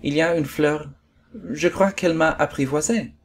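A man's voice: a little high, moderate pace, gravelly, slight background noise, pitched above the performer's own voice. A polite young boy prince voiced by a man asks questions with innocent curiosity. A storybook figure who speaks politely. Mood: curious.

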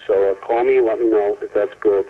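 Over a tinny telephone line, a man leaves a casual, businesslike answering machine message, giving instructions and repeating details. His voice is on the low side, fairly even and brisk, recorded from a distance on muffled, tinny 1990s answering machine tape.

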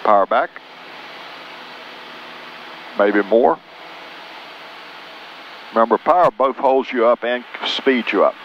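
A man's voice: mid-range voice, slow, pauses often. Older male flight instructor on muffled headset. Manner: short, instructive remarks. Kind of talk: coaching during a flying lesson. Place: small light aircraft cockpit. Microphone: aviation headset boom mic. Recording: muffled headset intercom, faint engine noise.

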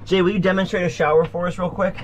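Speaking straight to his viewers, a male vlogger gives a casual, upbeat tour of a sailboat cabin. His voice is high-pitched with little pitch movement, he talks fast, and there is slight background noise.

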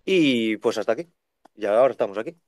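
A man in his thirties, a second-hand bookseller, chatting on a video call in an animated way, talking in long runs. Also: medium pitch, fast, no echo, clean studio sound. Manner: animated, talks in long runs and acts out quoted voices. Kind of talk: casual conversational interview. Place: bookshop with full shelves behind. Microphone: video call webcam.

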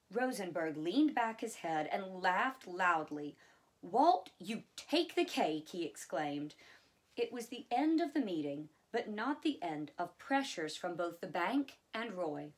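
A woman reading a biography aloud in a relaxed way, adding chatty asides of her own. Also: medium pitch. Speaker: audiobook reader.

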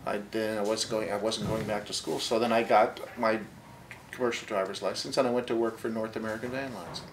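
A man's voice: on the low side, fairly even intonation, brisk, rough recording. Older guy talking trucking stories, laid back and dry-humored, faint hiss behind him. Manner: wry, easygoing, drifts quieter as he goes on. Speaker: author and long-haul trucker. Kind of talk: casual interview storytelling. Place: bookstore, seated in armchair.

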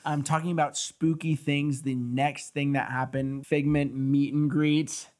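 A man's voice: fairly high pitch, a little slow. A man in his thirties co-hosting a podcast, chatting casually and jokily at a desk mic in a small studio. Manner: animated, gestures a lot, jokey. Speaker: podcast co-host. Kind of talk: casual chat. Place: small studio set, indoors. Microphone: desk mic on stand.

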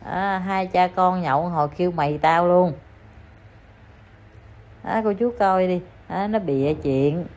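A woman's voice: lowish voice, a little mellow. A woman giving casual, gossipy commentary to her viewers in an emphatic, repetitive, scolding manner. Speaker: online commentator addressing viewers. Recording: slightly dull lo-fi audio with faint ambience.

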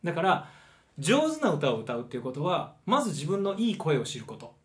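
A middle-aged vocal coach from Osaka talks through a singing lesson and illustrates his points with quick demonstrations. His male voice sits a little high and swings widely in pitch, which gives his teaching an animated feel. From Osaka, Japan.

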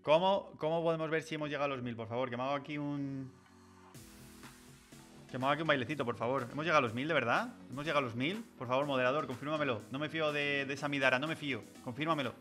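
A man's voice: medium pitch, very fast, pushed and bright, soft background music. A man chatting playfully on a livestream, joking and laughing often. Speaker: miniature painting streamer. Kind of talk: casual livestream chat.

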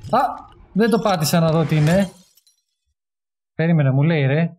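A man giving casual gameplay commentary, excitable, yelping and swearing in English when surprised, talking into a gaming headset. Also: fairly high pitch, slight background noise. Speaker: gaming streamer.

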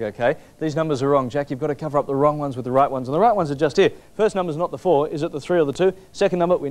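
A middle-aged Australian man hosting a game show, chatting with contestants into a handheld microphone. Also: a little high. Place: TV studio with audience. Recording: loud music and crowd, 1990s TV broadcast. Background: loud audience and music.

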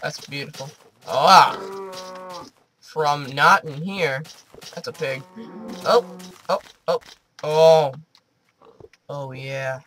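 Man, let's play commentary, slow-paced, jumpy, chats to game monsters. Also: fairly high pitch, sharp tone, slight background noise. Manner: jumpy, chatty, talks to game creatures. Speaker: gaming video host.

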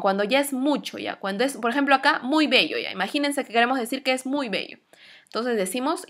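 A woman teaches an English lesson in a light, high voice. She speaks patiently, pausing to stretch out each model word so the class can repeat it. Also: fairly bright tone.

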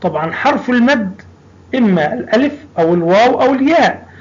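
A man's voice: very high-pitched, animated, quick pace. A man teaching a primary school language lesson, patiently drawing out sounds and repeating words for young pupils. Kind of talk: recorded classroom lesson. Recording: dull lo-fi recording.

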